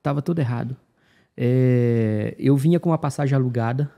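A man's voice: medium pitch, moderate pace, vocal fry, dark tone. A man with a Brazilian accent telling a story casually on a podcast, animatedly acting out the dialogue with the officials. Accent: Brazilian Portuguese. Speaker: guest telling his migration story.

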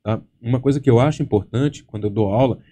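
A man with a Brazilian Portuguese accent hosting a live question-and-answer stream as an exam-prep teacher. He swears freely, tells jokey stories and tags nearly every phrase with a quick check word. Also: medium pitch, dark tone. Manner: profane, joking storyteller, constant tag words. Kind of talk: casual live Q&A chat. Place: studio with green screen.

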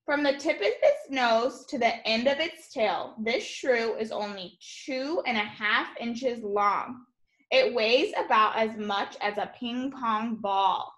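Indoors in a room at home, a young woman who teaches elementary school reads a nonfiction picture book to children with lots of expression, tossing in casual explanations and exclamations. Her voice is on the high side and fairly bright, and her pace is slow.

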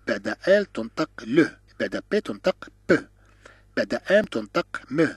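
Slow, husky male French teacher. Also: medium pitch, dry recording, clean studio sound. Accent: Moroccan Arabic. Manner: drills letter sounds slowly, repeating each syllable. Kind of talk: slow classroom-style reading lesson.

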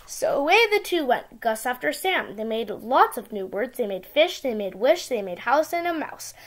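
High, animated woman reading to young children. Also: normal speed. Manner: simple, expressive storytelling. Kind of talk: reading a picture book aloud to young children. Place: small indoor room with bookshelves.

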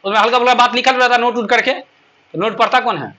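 A male English teacher runs a classroom lesson. His voice sits high and sounds bright. He keeps asking his students questions as he explains each point. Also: fast, dull audio.

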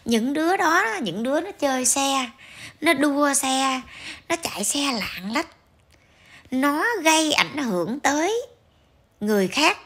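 A woman's voice: high-pitched, lively intonation, slow, pauses often, fairly bright tone. A woman ranting to her viewers in a scolding, emphatic way, full of rhetorical questions. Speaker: vlogger commentator.

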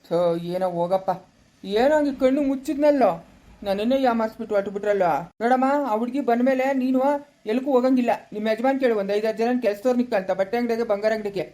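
A woman's voice: on the high side, quick pace, warm tone, close to an everyday voice. Woman playing a grumpy village father. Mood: commanding. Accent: Chikkaballapur rural Kannada. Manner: scolding, exasperated. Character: grumpy middle-aged village father, male. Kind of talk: village comedy skit.

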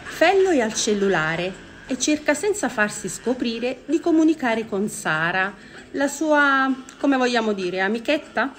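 A woman's voice: fairly high pitch, big pitch swings, measured pace, slight background noise. A woman giving wry scripted narration for a comedy sketch.

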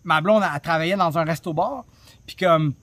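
A Québécois man with a somewhat high, husky voice tells a story from his own life as a travel podcast host. He talks casually and bluntly and swears freely. He is recorded on a phone. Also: fairly quick, fairly bright tone, dry recording. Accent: Québécois French.

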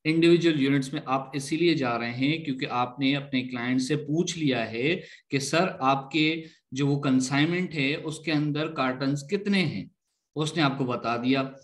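A man from Pakistan teaches a live online lesson, explaining things step by step, repeating points and often checking that students are following. His voice is mid-range and his pace moderate.

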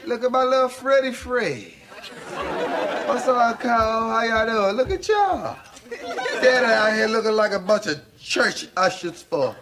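A brassy, flirty woman with a sassy drawl, played by a man, her high voice swooping all over the place. Every line plays to a sitcom audience, and loud laughter rolls in underneath. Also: expressive, a little slow, a crowd in the background, background noise, heavily acted. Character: brash, flirty loud woman, big-haired neighbor. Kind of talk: sitcom acting.

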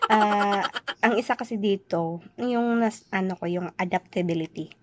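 A young woman from the Philippines, a nurse working abroad, chatting loudly and teasingly as she answers questions in a casual vlog. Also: medium pitch, moderate pace, dry recording. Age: young adult. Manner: loud, chatty, teasing, jokes then says she's kidding. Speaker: vlogger, overseas dental nurse.

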